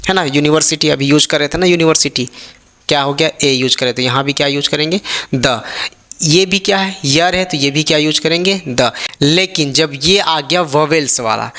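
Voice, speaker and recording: A man's voice: a little high, a bit bright. A male teacher explaining a grammar lesson, asking the class rhetorical questions as he goes. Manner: drills students with repeated rhetorical questions. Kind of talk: classroom-style lesson in Hindi.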